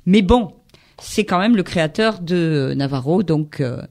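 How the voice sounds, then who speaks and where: A radio host steers an easygoing conversation about crime novels, lively and chatty. The host often jumps in to complete the other speaker's thoughts. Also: mid-range voice, measured pace. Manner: lively, finishes the guest's sentences. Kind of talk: radio book chat.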